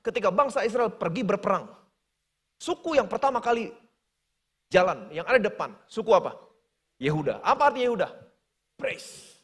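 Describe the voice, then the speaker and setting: A male pastor with a high voice preaches in a church, telling his story dramatically and slipping in English phrases. His voice alternates between hushed and ringing. It carries a long reverb from the large church hall. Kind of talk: sermon.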